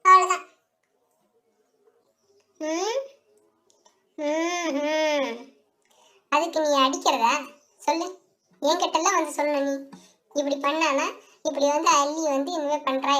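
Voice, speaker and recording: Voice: high-pitched, bright, forceful tone. A female performer voicing a stern mother doll who questions and lectures her daughters firmly in a doll story play. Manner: firm, demanding, lecturing.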